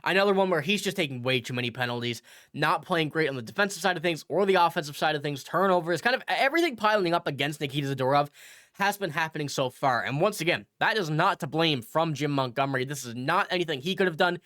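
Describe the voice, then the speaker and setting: Hosting a casual hockey news channel commentary, a man with a stuffy, nasal voice from a cold rambles through his points, correcting himself and reading quotes aloud. His voice is a little high, expressive, fairly bright, and quick-paced.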